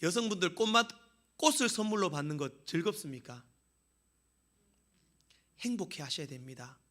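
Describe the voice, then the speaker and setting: A man's voice: sits high, animated, moderate pace, pushed and bright. A man preaching a sermon as a pastor, telling jokes and stories with emphatic exclamations.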